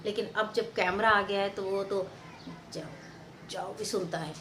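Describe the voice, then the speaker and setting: In an echoey room with faint hiss or hum, a woman who works in theatre and film lectures about acting at normal speed and medium pitch. She's expressive, performing sample lines and repeating phrases to drive points home.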